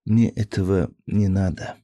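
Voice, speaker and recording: A man's voice: low-pitched, fairly even intonation, a little slow, warm tone, no echo, studio quality. A man voicing a spirited young noblewoman in an audiobook, teasing in one scene and cold and firm in another. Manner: lightly mocking, then cold and firm.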